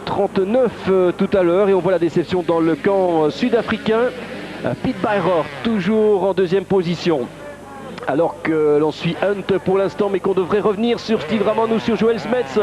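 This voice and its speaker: Guy doing live motorsport commentary, pitched high, bit muffled, crowd behind him. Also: normal speed. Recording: dull broadcast audio over crowd and engines.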